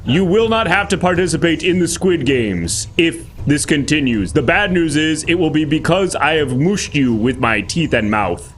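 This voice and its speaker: A man's voice: fairly high pitch, expressive, normal speed, few pauses, slight background noise. Playful mock-menacing male host. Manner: playful mock-menacing, reads chat aloud. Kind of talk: live improvised comedy stream.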